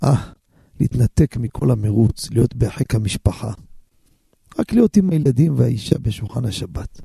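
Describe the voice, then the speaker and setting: Male rabbi on radio, gravelly dark voice, husky, emphatic storytelling. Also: mid-range voice, expressive, dry recording, clean studio sound. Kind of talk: radio sermon and call-in answers.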